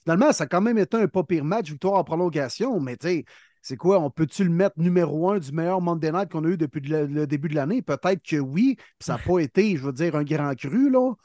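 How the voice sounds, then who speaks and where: A man's voice: a little high, lively intonation, a little fast, mellow, no room sound, clean studio sound. A man with a Quebec French accent hosting a sports podcast in casual, joking banter with colorful turns of phrase.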